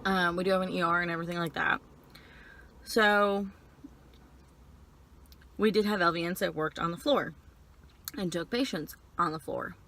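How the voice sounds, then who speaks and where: A young woman telling personal stories casually while eating and chewing, in halting phrases peppered with "like". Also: lowish voice, a bit bright. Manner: frequent filler "like", halting stop-and-start phrasing. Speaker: vlogger. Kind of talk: casual personal storytelling chat.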